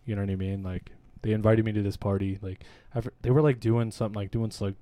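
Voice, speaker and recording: A young adult man co-hosts a podcast in casual chat, telling animated stories in a casual, profane way and laughing along. His voice is lowish and quick, with no echo.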